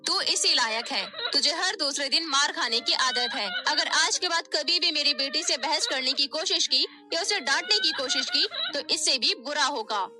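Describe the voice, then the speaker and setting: A woman's voice: high-pitched, normal speed, hardly any pauses, over music, natural voice. A woman putting on a harsh, scolding stepmother. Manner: scolding, threatening. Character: cruel, harsh-tongued stepmother, middle-aged woman.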